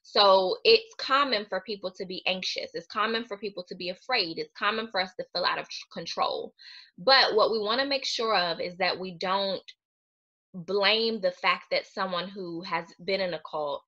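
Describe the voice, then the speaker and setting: Bright-toned woman giving a lo-fi webinar talk. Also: medium pitch, normal speed. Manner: earnest, explanatory, steady lecturing. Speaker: clinical social worker presenter.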